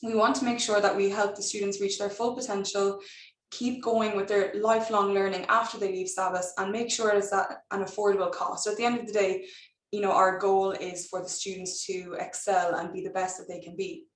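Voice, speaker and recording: A woman's voice: medium pitch, little pitch movement, fairly quick. A woman in her twenties with a west of Ireland accent, giving an informal, explanatory recruitment presentation. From Galway, west of Ireland. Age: 20s. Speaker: recruitment officer. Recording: roomy echo, distant microphone.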